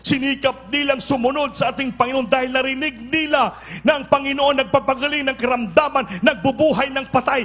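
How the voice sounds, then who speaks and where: A man preaching with mounting fervor, his voice riding high for a man. He drives his points home again and again and calls for the congregation to answer, sometimes rising to a shout. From Philippines. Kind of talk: sermon.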